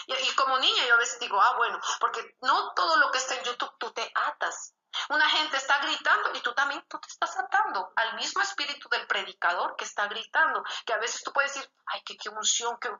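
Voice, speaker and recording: A woman's voice: a little high, sharp tone. A woman pastor preaching a sermon, often breaking in with praise exclamations. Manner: peppers speech with "gloria a Dios" exclamations. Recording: roomy, slightly dull recording.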